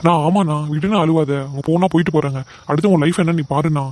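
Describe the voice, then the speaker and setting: A man's voice: fairly high pitch, fast, background noise, lightly acted. A man voicing a coaxing cartoon brother. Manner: pleading, persuading. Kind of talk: cartoon voice acting.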